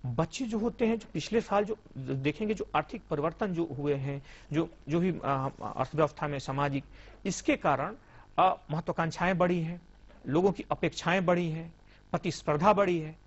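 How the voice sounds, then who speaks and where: A man's voice: fairly high pitch, moderate pace. A young man, a police officer, explaining earnestly and formally as a guest in a TV studio interview. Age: young adult. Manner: earnest, explanatory, formal Hindi with English terms. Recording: muffled TV broadcast audio.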